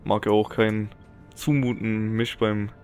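A man's voice: lowish voice, little pitch movement, measured pace, darkish tone. A man giving casual gameplay commentary as a let's player. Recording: game music and effects behind. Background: video game music and action sounds.

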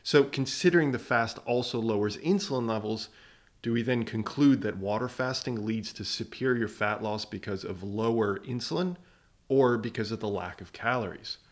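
Male science explainer, lower pitch, punchy rhetorical delivery. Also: moderate pace. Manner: emphatic, rhetorical questions. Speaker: science educator. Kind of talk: scripted explainer narration.

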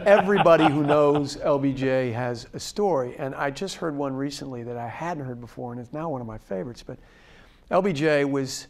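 A man's voice: medium pitch, fairly quick. A man, a library director, telling a story on a panel.

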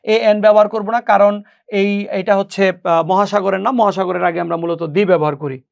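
A man's voice: high-pitched, fairly even intonation, moderate pace, gravelly, muffled recording. A Bangladeshi man in a recorded exam-coaching lesson, explaining English grammar patiently, repeating key points and mixing English into his talk. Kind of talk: recorded lecture explaining past exam questions.

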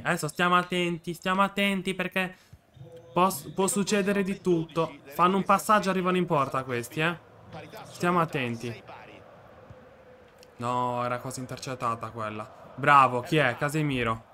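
A young man with a dry, sore throat, commentating on his own football video game match, muttering one moment and shouting the next. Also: on the high side, moderate pace, slight background noise. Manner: swings from muttering to shouting at goals. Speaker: gaming video creator.

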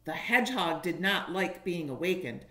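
A woman in her forties reads a picture book aloud in a living room, expressive and animated as she explains things and asks young children questions. Her voice is on the low side and her pace moderate. The room sounds echoey.

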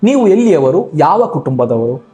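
A man's voice: a little high, sing-song, normal speed, mellow. A man voicing a gracious, caring queen in a storybook telling, in an earnest, pleading manner. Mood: gentle.

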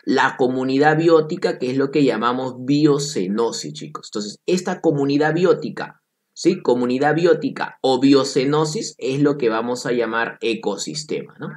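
A man's voice: medium pitch, expressive, normal speed. A man teaching an exam-prep biology class in Peruvian Spanish, playful and repeating key points while calling on students.

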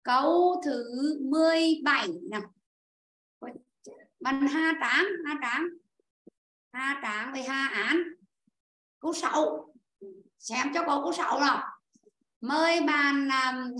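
A woman teacher with a high voice leads an online class, patiently walking through each answer and calling on pupils by turn. The sound is echoey, as if from a bare room over a video call. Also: measured pace, pauses often, sharp tone. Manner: patient, explains step by step and calls on pupils.

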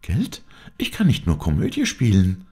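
A man's voice: sits low, wildly swooping pitch, normal speed, dark tone, pitched above the performer's own voice. A man voicing a spirited young woman circus rider in an audiobook, talking in an urgent, playful rush. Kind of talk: audiobook character voice.

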